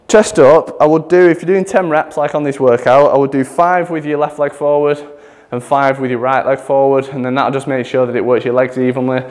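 A man's voice: mid-range voice, fairly even intonation, fairly quick, a little mellow. A man, out of breath, demonstrating gym exercises as a chatty fitness coach who laughs at himself. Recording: echoey gym with long reverb.

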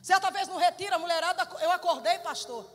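A middle-aged woman missionary, giving a lively, animated testimony sermon, recorded live in a church hall with music behind. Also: extremely high pitch, quick pace. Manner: lively, animated storyteller who laughs and shouts. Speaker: missionary preacher.

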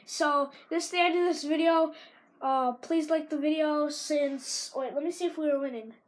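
A teenage gamer commentates a video game in a relaxed, rambling way despite a sore throat, sometimes shouting with excitement at the plays. Her high female voice runs at a normal speed.

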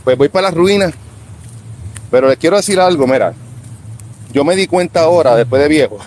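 Brief: Puerto Rican man, fifties, slightly high voice, rambling phone live stream by the beach, chatty, talks to himself. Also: expressive, darkish tone, a little hiss or hum, low-quality recording. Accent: Puerto Rican Spanish. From Puerto Rico. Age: 50s. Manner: chatty, talks to himself, halting when he switches to English. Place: outdoors by a beach at evening.

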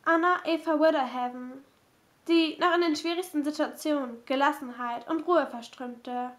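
A woman reading a novel aloud in steady, measured narration. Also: sits high. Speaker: audiobook reader.

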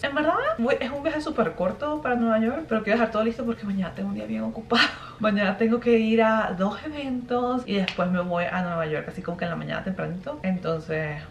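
Venezuelan woman vlogging, bubbly and chatty, talks fast, echoey room with faint noise. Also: on the high side, recorded from a distance. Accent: Venezuelan Spanish. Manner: chatty and bubbly, laughs often. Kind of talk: casual vlog chat.

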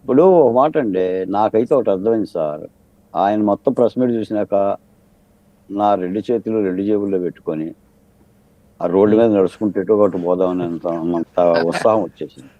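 A man with a lowish voice talks a little fast as a political analyst in a TV studio debate, building his argument from rhetorical questions. The recording is dry and muffled.

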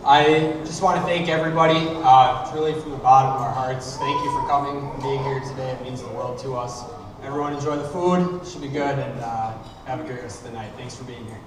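Groom thanking guests across an echoing hall. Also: male voice, medium pitch, a crowd in the background. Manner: plain, slightly halting thanks. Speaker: groom giving a short thank-you. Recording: echoey hall from far off.

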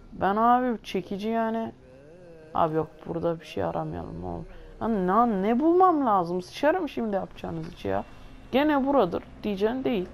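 A woman hosting a gaming channel narrates her gameplay in a medium-pitched, gravelly, darkish voice, swearing constantly. Grumbling and exasperated, she gripes straight to her viewers over slight background noise.

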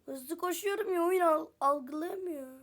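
A woman with an extremely high voice takes her time as she chats casually with viewers over her gameplay. This video creator fills her commentary with exclamations and gets flustered whenever danger shows up.

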